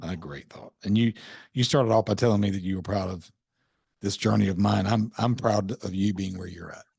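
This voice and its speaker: Gravelly low-voiced male host. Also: steady tone, no room sound, studio quality. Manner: warm, reflective, halting with restarts. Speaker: podcast host. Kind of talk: casual interview conversation.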